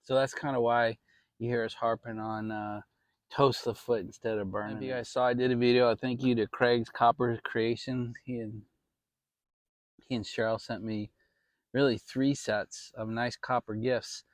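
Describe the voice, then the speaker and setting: A man's voice: mid-range voice, level tone, normal speed. Casual American male vlogger, easygoing and rambling, salty now and then, talking from the backyard with a dry, echo-free sound. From Maryland, United States. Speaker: vlog host. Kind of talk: casual outdoor backyard chat to viewers. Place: outdoors in a shaded backyard.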